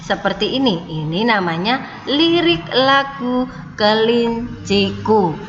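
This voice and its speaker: A woman's voice: on the high side, expressive, slow pace, big-room sound, highs cut off, a little hiss or hum. A woman teaching a class of young children online, explaining patiently and often saying "nah" and "ya". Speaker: primary school teacher.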